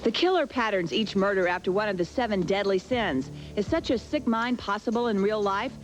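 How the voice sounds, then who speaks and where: A woman presenting entertainment news in a brisk, upbeat scripted style. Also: medium pitch, low-quality recording. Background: music.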